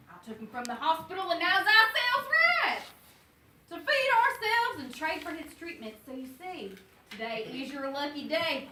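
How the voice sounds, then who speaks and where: A gruff, bargaining street vendor man, all folksy dialect and hard sell, her voice sitting high and bright. It sounds like a live stage play caught from far back in an echoey hall, with noise underneath. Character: scrappy adult male street food vendor, streetwise. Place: theater stage. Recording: echoey, distant, noisy stage recording.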